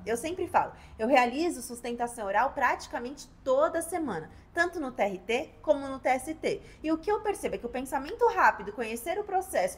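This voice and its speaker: A Brazilian labor lawyer with a high-pitched voice speaks to the camera, teaching colleagues how to argue in court. She deliberately shifts her pace and loudness, pauses for emphasis, and acts out courtroom lines to show how they should be spoken.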